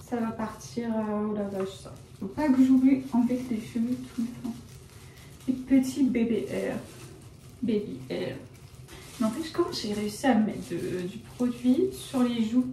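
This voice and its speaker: A young woman vlogs from home while dyeing her hair, her fairly high, dark-toned voice picked up far from the mic with slight background noise in a roomy space. She rambles and corrects herself, leaning on fillers like "genre" and "euh," and describes herself as shy and reserved.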